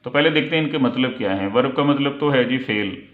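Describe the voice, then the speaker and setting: A man teaches English online, going through multiple-choice questions at a patient, measured pace. He reads each English phrase slowly before explaining it. The audio is tinny and phone-like, with a roomy echo. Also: mid-range voice.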